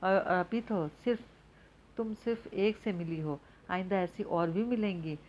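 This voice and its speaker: A woman's voice: medium pitch, measured pace, muffled recording, slight background noise, lightly acted. A woman voicing a playful, affectionate young man in a novel reading, in a plain reading voice. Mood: teasing.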